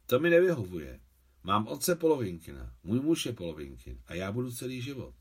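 A man's voice: on the low side, wildly swooping pitch, husky, exaggerated voice. A man reading the lines of a proud young widow in his own voice, in literary audiobook style, with firm, clipped speech.

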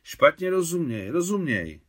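A man's voice: on the high side, very animated, voice pushed up. A man voicing a shy young working-class woman who talks plainly and artlessly in an audiobook. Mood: surprised.

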